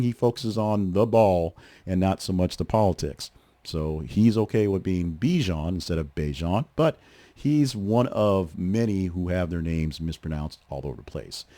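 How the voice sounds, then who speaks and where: A man's voice: deep voice, dark tone, no room sound. A man hosting a show, talking through sports news in a chatty, conversational way with the odd restart. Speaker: podcast host. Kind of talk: casual sports commentary.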